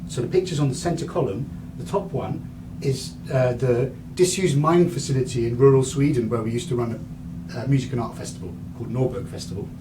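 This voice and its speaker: A man's voice: mid-range voice, fairly quick. Distant man lecturing to a room. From England. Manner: rambling, many fillers and restarts. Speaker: guest lecturer. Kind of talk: university lecture. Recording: distant mic, audible room noise.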